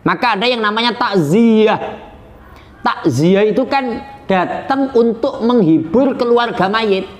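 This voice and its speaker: Man preaching a high voice, conversational jokes. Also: measured pace. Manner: conversational with humorous asides and acted quotes. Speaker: Islamic preacher. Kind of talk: religious teaching.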